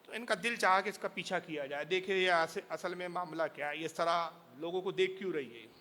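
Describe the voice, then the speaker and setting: A man's voice: high-pitched, sharp tone. A man from India, a preacher telling a story in a sermon with impassioned, dramatic narration.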